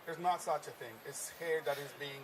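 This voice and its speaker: A man's voice: a little high, fairly even intonation, normal speed, a crowd in the background. A man hosting a live stream from a trade-show floor, reading viewer comments aloud and echoing his guests' answers in an upbeat way. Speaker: livestream host.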